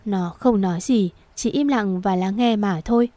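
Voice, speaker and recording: A woman's voice: medium pitch, moderate pace, dark tone, no room sound. Woman narrating a story. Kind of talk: story reading.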